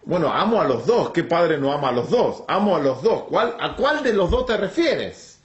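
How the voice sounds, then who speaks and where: A man's voice: fairly high pitch, very animated, a little fast, echoey room, muffled recording. A man voicing Abraham as a bewildered elderly father who pleads with questions, in a retold Bible scene. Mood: perplexed.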